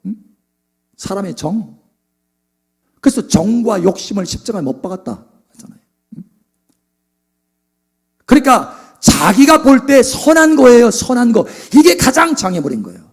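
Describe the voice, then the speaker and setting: A male pastor delivers an animated sermon, acting out Bible scenes and checking in with his listeners. His voice sits high and swings widely in pitch, with a husky edge. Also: moderate pace, long pauses.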